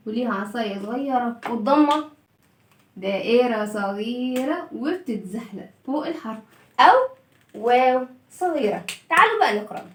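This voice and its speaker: A high-pitched woman with an Egyptian Arabic accent leads a phonics lesson for young children. She stretches syllables, repeats each word several times and coaxes the class along. Her voice rings out in an echoey room. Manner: animated, drawn-out syllables and repeated words. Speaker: children's reading teacher.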